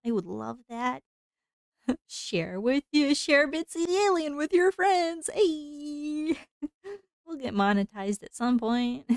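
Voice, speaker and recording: A woman's voice: sits high, animated, takes it slowly, no room sound, studio quality. A woman streamer chatting casually while she draws, rambling along with lots of fillers and frequent laughter.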